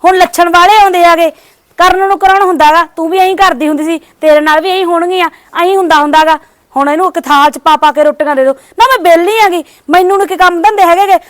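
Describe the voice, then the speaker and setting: A woman's voice: very high-pitched, quick pace. A woman playing a cold, nagging daughter-in-law who scolds and dismisses her mother-in-law. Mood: harsh. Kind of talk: village short-drama acting.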